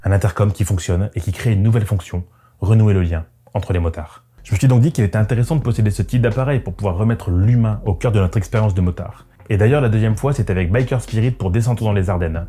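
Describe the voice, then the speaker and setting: Fairly low in pitch, mellow and husky, a man's voice gives scripted first-person narration for a motorcycle vlog. He sounds reflective and conversational, with background music running under his words.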